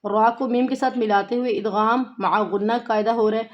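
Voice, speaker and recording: A woman with a Pakistani Urdu accent teaching a tajweed lesson, slowly reciting verses word by word and patiently explaining the pronunciation rules. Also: fairly high pitch, fairly even intonation, lo-fi sound.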